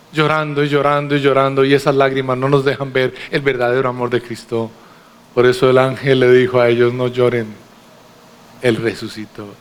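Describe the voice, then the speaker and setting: A man's voice: mid-range voice, clear, resonant tone. A man preaching a sermon to his congregation in a church, emphatic, with rhetorical questions and direct address. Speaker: pastor.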